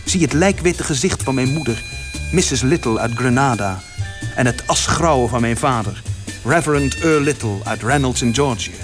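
A man reading a first-person literary story aloud as narrator, with dramatic delivery that swells in its louder passages. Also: medium pitch, normal speed, music in the background.

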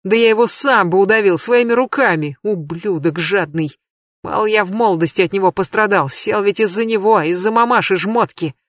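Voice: mid-range voice, brisk, a bit bright, dry recording, studio quality, natural voice. An audiobook reader voicing a bitter, cornered middle-aged male criminal who swears crudely and complains. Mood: aggrieved. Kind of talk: audiobook character reading.

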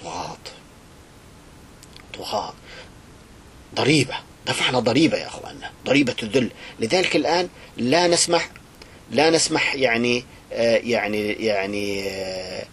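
A male Islamic preacher gives an impassioned religious address. He swings between quiet lament and loud indignation. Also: medium pitch, lively intonation, normal speed, pauses often, breathy edge.

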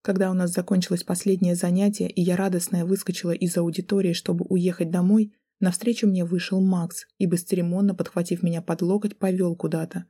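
A woman's voice: lowish voice, little pitch movement, brisk, hardly any pauses, warm tone, breathy edge. A woman narrating a first-person novel as an audiobook, reading in a tense, dramatic way.

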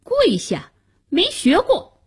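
A woman voicing a brave, stubborn schoolboy who talks back, with piercing high childlike shouts. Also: animated, normal speed, full character voice. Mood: defiant. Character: brave defiant schoolboy, stubborn and quick-tongued.

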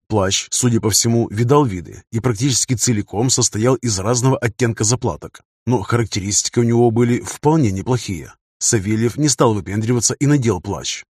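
A man narrating an audiobook in an even storytelling manner. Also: on the low side, slightly rough, dry recording, studio quality. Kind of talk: scripted narration.

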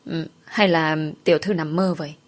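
A woman voicing a loyal, timid young palace maid who speaks gently and deferentially. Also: sits low, steady tone, normal speed. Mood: gentle.

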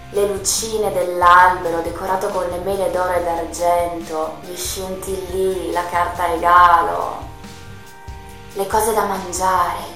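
A woman's voice: fairly low pitch, a bit bright. A woman radio host reading a Christmas tale aloud, narrating it expressively and dramatically as a storyteller. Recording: very echoey room with faint music.

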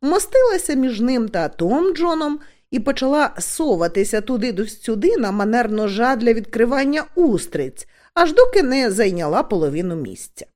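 Expressive woman reading a storybook. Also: on the high side, moderate pace, few pauses. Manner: expressive, voices each character. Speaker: audiobook narrator. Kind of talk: scripted narration of a comic fantasy novel.

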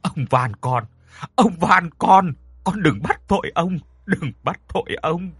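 A frantic old father, wailing and pleading in a high, swinging voice that breaks into wild laughter, as a man puts him on. The tone is bright and husky, close and dry, like a spoken horror story. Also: animated, a little slow, no room sound, exaggerated voice. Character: old man gone mad with guilt, crazed.

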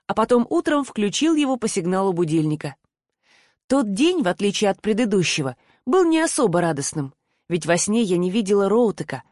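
A woman's voice: mid-range voice, darkish tone, no room sound. Woman reading a novel aloud, dry sound. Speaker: audiobook narrator. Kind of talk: first-person novel reading.

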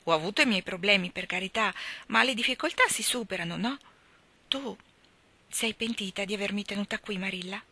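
A woman's voice: mid-range voice, a little fast, pushed and bright. A woman voicing a chatty, imaginative orphan girl who talks eagerly and dramatically. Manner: eager, dramatic, breathless storytelling.

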